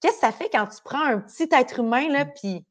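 A woman's voice: high voice, fairly quick. A woman with a Québécois French accent, pregnant and speaking candidly in a casual podcast chat. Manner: candid, animated storytelling. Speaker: radio host.

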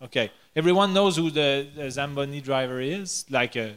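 This Quebec-accented French speaker jokes around casually and hunts for words in halting English. His mid-range voice is clean in tone and a bit bright.

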